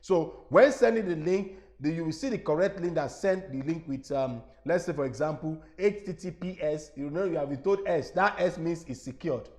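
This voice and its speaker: A man with a Nigerian accent giving an instructional webinar as an evangelist, animated and repetitive, often checking whether his listeners follow. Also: fairly high pitch, moderate pace, few pauses. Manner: animated, repetitive teaching with rhetorical questions.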